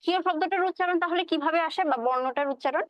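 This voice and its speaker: High-voiced woman teaching a class. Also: no room sound, muffled recording. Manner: explanatory, asks the class questions and answers them herself; recites verse slowly. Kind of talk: classroom lecture on poetry and pronunciation.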